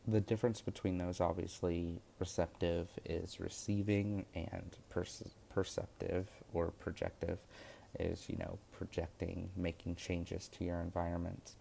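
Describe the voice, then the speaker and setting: With slight background noise behind him, a young witchcraft-course student talks through his lessons in a casual spoken vlog. His voice is low, creaky and warm, and he rambles with lots of fillers and restarts.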